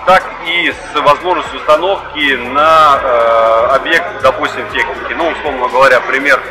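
A man in his thirties gives an unscripted explanation at a busy exhibition stand, pausing on filler sounds and restarting phrases. His voice sits at an ordinary middle pitch, close to the camera. A clear music bed runs underneath him. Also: poor audio. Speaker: exhibitor presenting a device. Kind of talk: off-the-cuff explanation. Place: large indoor expo hall.

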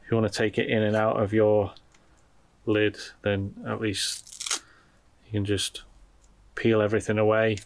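Handling a product as he goes, this male reviewer speaks in a low, heavily creaky voice, casual and unrehearsed, as if musing through an unboxing. His delivery is flat and unhurried with frequent pauses, and a faint hiss or hum can be heard.

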